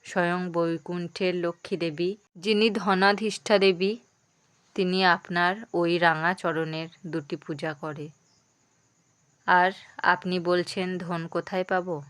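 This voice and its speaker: A woman voicing an earnest, loyal younger brother prince who urges his elder brother persuasively, in a slow, smooth voice. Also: fairly low pitch, steady tone, fairly bright tone, dry recording.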